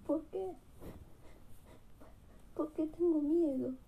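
A woman's voice: very slow, gravelly, narrow, tinny audio, heavily acted. A woman voicing a crying little baby elephant with a whimpering, childlike voice. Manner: whimpering, high childlike pleading.

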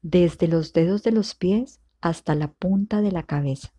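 A woman instructor leads a guided meditation in a low, relaxed voice. She speaks very slowly and in a measured way, leaving long pauses between short instructions. The delivery stays calm and soothing.

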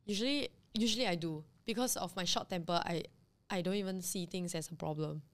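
Female podcast co-host, lower voice, rambling and filler-heavy. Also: fairly quick. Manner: chatty, filler-heavy, lots of "like". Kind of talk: casual chat.

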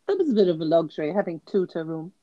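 Lowish-voiced woman, dry sound. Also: very animated, rapid-fire, no echo, lo-fi sound. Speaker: interviewer. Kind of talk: casual conversational interview.

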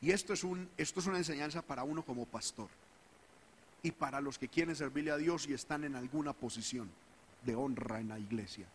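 A man's voice: mid-range voice, a little fast, long reverb tail, a little hiss or hum. A man preaching a sermon as a pastor, his delivery climbing in fervor as he acts out the people's complaints. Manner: preaching with rising fervor, acting out the people's whining.

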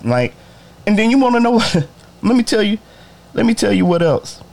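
Lively, profane man ranting on a livestream. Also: normal speed, creaky. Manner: profane, blunt, talks to viewers directly, swings between loud and low. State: bothered by allergies. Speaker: barber livestreaming to followers. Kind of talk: casual livestream rant.

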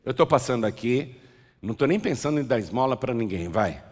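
A man's voice: medium pitch, expressive, brisk. A man preaching a sermon, joking and acting out a street scene with a volunteer. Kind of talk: sermon with live role-play. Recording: long hall reverb.

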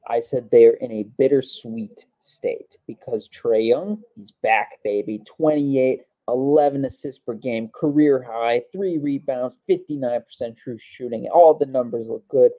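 A man co-hosting a podcast, easygoing and quick to laugh, reeling off basketball stats. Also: mid-range voice, no room sound. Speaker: podcast co-host. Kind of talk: casual basketball chat. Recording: dull lo-fi dry mic.

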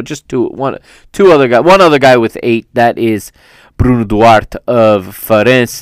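With a lowish voice, this podcast host runs a solo football show, recapping casually in a rambling way and frequently fixing what he just said, full of fan enthusiasm. He's recorded on a studio mic without echo.

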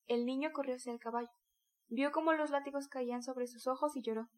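A woman reads a classic novel aloud, her voice high and clear. The narration is dramatic and expressive, a scripted audiobook telling. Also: a little fast.

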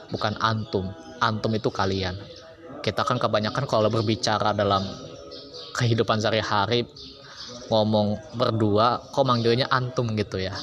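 A man preaching an Islamic lesson, explaining slowly with chatty asides. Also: fairly low pitch, fairly bright tone. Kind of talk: casual sermon. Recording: music behind. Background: music.

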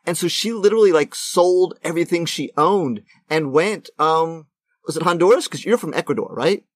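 A man co-hosting a podcast, chatting casually, joking and quick to interject. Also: fairly high pitch, no echo. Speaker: podcast co-host.

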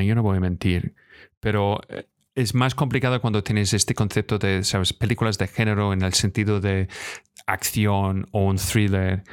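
Low-voiced man speaking haltingly. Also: no room sound, studio quality. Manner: halting, many restarts and fillers. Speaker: guest filmmaker. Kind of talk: live-stream interview.

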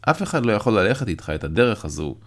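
A man's voice: lowish voice, sing-song. A man voicing a curious, encouraging male friend who teases and laughs easily, in an audiobook. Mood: reassuring. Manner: encouraging, teasing, quick to laugh. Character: warm, curious, joking adult male friend. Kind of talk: audiobook character voice.

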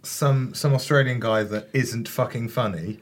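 A man co-hosting a comedy podcast who needles his co-hosts bluntly and drops swear words freely. His voice sits at a plain middle pitch. The talk stays loose and casual. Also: a little slow, background noise. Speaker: podcast co-host.

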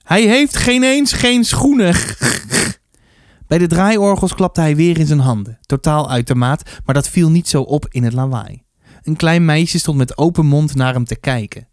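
A man reading a children's book aloud, telling it in a lively first-person voice. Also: a little high, moderate pace, no room sound. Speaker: storybook reader.

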